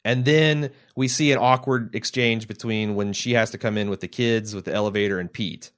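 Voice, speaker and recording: A man's voice: lowish voice, steady tone, normal speed. A man co-hosting a podcast, reading listener mail and retelling a TV scene in casual, conversational chat. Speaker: podcast co-host.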